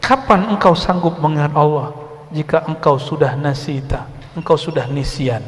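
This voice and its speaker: High-voiced male preacher in an echoing hall. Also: normal speed. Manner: conversational, addresses the audience directly, recites Arabic verses. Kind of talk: Islamic study sermon.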